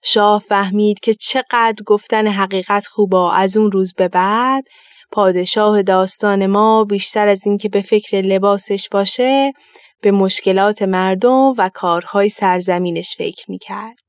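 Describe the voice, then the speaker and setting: A woman's voice: medium pitch, steady tone, dry recording, studio quality. Woman reading a children's story. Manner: gentle, instructive.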